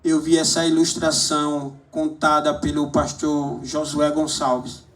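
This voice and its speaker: A man's voice: on the high side, completely flat delivery, unhurried, fairly bright tone, soft background music. A man preaching a sermon, exhorting the congregation and calling for amens. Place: church service hall.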